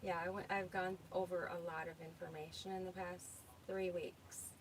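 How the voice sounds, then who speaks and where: A woman's voice: lowish voice, little pitch movement, normal speed, low-quality recording. A woman with a Minnesota accent hosting a casual livestream, reading viewer comments and thinking aloud as she searches for things. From United States. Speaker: livestream host. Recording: faint background noise.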